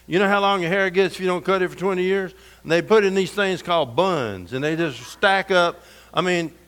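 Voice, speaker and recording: A middle-aged man with a slightly high voice preaches a storytelling sermon that is folksy and humorous, turning soft and intense when he reads scripture.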